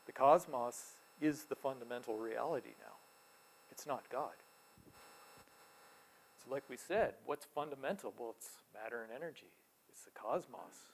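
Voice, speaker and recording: A man's voice: on the high side, rough recording. Man teaching a group informally. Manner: rhetorical questions, emphatic stresses, trailing quieter at phrase ends.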